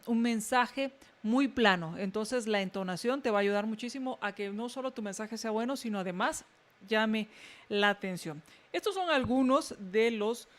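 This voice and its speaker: A woman with a fairly high voice talks casually to her listeners about how to give a good presentation. She speaks to them directly, often pausing on fillers and restarting her sentences as she thinks aloud. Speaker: radio show host giving business tips. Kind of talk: casual talk giving public speaking advice.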